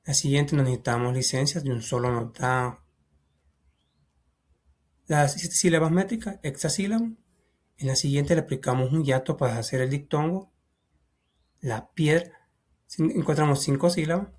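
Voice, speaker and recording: A man explaining a textbook lesson. He talks casually, thinks aloud, keeps saying "va", and counts syllables out slowly, his voice trailing off softly. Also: on the high side. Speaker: teacher.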